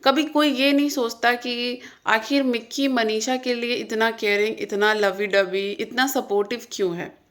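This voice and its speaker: A young woman talks straight to camera in a casual vlog. Her voice sits a little high. She sounds frustrated and earnest, and she pushes hard on her points as she retells an argument. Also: fairly even intonation, measured pace. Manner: frustrated, venting. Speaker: vlogger.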